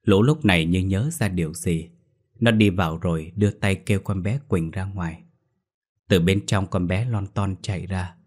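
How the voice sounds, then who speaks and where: A man narrating a scripted horror story in a steady storytelling manner. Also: sits low, normal speed.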